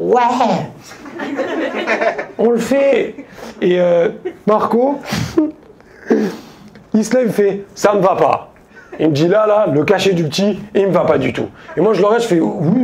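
A man doing stand-up, telling a story in a casual, slangy way to a live audience, quoting his friends in quick asides. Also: a little high. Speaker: stand-up comedian. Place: stage before a live audience.

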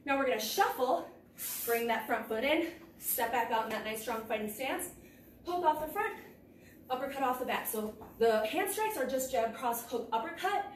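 Her voice sitting high and animated at a normal speed, a young woman works out as she instructs kickboxing, barking clipped cues for each move. A distant camera across the mat-lined martial arts gym captures echoey, noisy sound.

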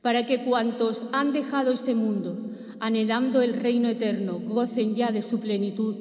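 A woman lector reading the intercessions at Mass in a measured, solemn way. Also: a little high, fairly even intonation, darkish tone. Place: large church. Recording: echoey church with long reverb.

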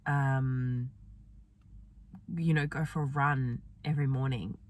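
A woman vlogger talking softly and gently in a reflective personal diary, her voice affected by a sore, swollen throat. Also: very deep voice, fairly even intonation, takes it slowly, distant mic. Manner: soft, gentle, meandering, with many fillers.

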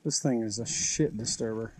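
A young fishing vlogger jokes around and swears freely while casting from a small boat on a lake, his low-ish voice at a moderate pace. The laid-back chat was captured on an action camera, with a little hiss or hum.

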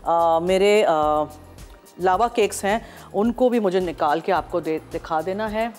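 A middle-aged woman with a Pakistani accent hosts a TV cooking show in a studio kitchen, chatting as she cooks and switching freely between Urdu and English. Her voice is lowish, unhurried and a little mellow, with faint music in the background.

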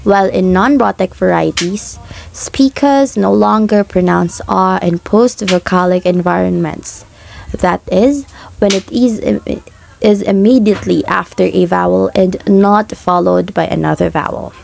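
Young woman, very gravelly vocal fry, mid pitch, student reading a class report, steady explanatory delivery. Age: young adult. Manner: steady, explanatory, slows down to sound out example words. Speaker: student presenter.

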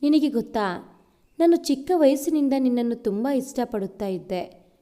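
A gentle young husband in a spoken storybook , put on by a woman narrator. His voice is soft, warm and pitched fairly high. He talks tenderly and reassuringly. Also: lively intonation, normal speed. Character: young man, gentle loving new husband.

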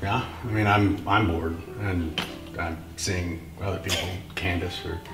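A man's voice: deep voice, steady tone, measured pace. Condescending, cold male cheat; web-series drama, distant roomy sound with music. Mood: contemptuous. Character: cold, contemptuous cheating boyfriend. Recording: distant echoey room, music behind.

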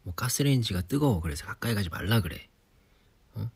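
A young man in his twenties, relaxed and chatty on a sleepy late-night livestream, teasing himself for nagging like an elder. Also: on the low side, fairly quick, creaky, breathy edge. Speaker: idol livestream host. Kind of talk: casual livestream chat. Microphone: phone or device mic, voice-only live.

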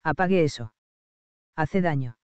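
A man growling as a rough, surly mechanic. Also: on the high side, a little slow, no echo, muffled recording, natural voice. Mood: gruff. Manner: curt and threatening. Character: gruff, hostile male garage mechanic with a gun. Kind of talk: audiobook character voice.

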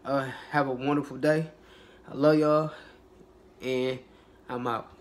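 A young man in a casual mukbang vlog, who rambles in a relaxed, low-energy way with lots of fillers and restarts and has a cold. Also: takes it slowly. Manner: low-energy, laid-back. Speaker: YouTuber.

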